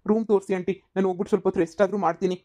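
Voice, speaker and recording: A woman voicing a rushed, pleading young son. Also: mid-range voice, fairly even intonation, warm tone, lo-fi sound, lightly acted. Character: young adult son torn between mother and wife. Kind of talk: cartoon comedy voice acting.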